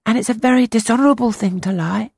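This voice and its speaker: A woman voicing an earnest, solemn ten-year-old boy who speaks in a high, urgent way. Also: fast, gravelly, a little mellow, slightly rough, dry recording, studio quality.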